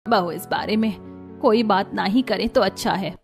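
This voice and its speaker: A woman voicing a meek, sorrowful older mother-in-law in a cartoon, speaking softly and quietly. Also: medium pitch, moderate pace, creaky, faint music behind, natural voice. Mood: subdued. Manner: soft and subdued. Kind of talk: cartoon voice acting.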